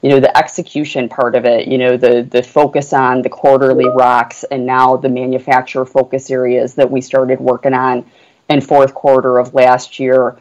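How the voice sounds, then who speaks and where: A woman's voice: rumbling low, flat delivery, moderate pace, darkish tone, lo-fi sound. Woman on a work podcast, earnest and chatty, lots of fillers. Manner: earnest, enthusiastic, many "you know" fillers. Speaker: guest, portfolio manager. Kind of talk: business podcast conversation.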